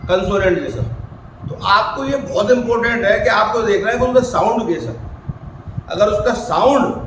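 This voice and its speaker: A man teaching a grammar class in a high voice. He keeps asking the class questions and answering them himself, and he voices the students' doubts in his own voice. The room is echoey, with faint background noise. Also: a bit bright. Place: coaching academy classroom.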